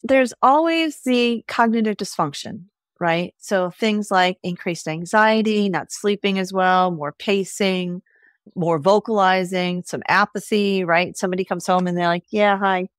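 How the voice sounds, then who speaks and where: A woman veterinarian talking as a podcast guest, animated, often tagging her sentences with "right?" and acting out what the dogs would say. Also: medium pitch, unhurried, clean tone, no echo, clean studio sound. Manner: animated, tags lines with "right?", acts out pets' voices. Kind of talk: casual interview chat.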